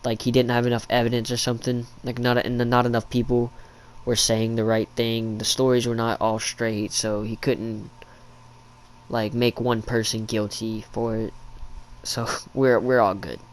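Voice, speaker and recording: A man's voice: medium pitch, little pitch movement, normal speed, slight background noise. A young adult man rambling through a casual, slangy storytime as a YouTube storyteller, recorded in a living room at home.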